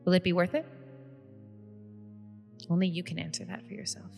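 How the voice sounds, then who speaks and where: A woman's voice: fairly low pitch, little pitch movement, moderate pace, creaky, darkish tone, voice pushed up. A woman voicing a grand female guild leader who gives a ceremonious, commanding speech in a tabletop game. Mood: rousing. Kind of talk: tabletop game role-play. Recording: long reverb, faint music behind.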